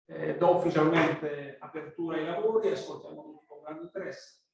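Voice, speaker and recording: A man's voice: fairly high pitch, fairly even intonation, moderate pace, gravelly. A man with a Neapolitan accent gives a formal welcome speech as the official opening a conference. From Naples, Italy. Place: echoey conference room. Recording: very echoey room, distant microphone.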